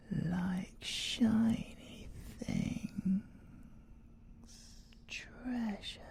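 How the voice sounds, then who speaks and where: In a theatrical ASMR audio roleplay, a British man plays a playful, possessive siren villain, his fairly high, warm voice fully in character. He teases in an obsessive, seductive mood, drawing out his words and slipping into whispers. A little hiss or hum sits in the background.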